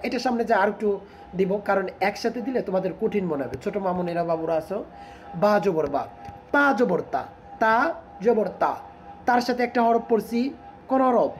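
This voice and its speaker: A man teaching children to read Quran letters, asking them questions and repeating the sounds slowly. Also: sits high, a little mellow.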